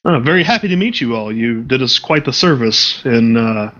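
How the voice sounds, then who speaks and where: A man's voice: medium pitch, lively intonation, normal speed, fairly bright tone, dull audio, pitched below the performer's own voice, close to an everyday voice. A man voicing a pompous, fussy male guild leader in a tabletop game, formal and full of hesitations.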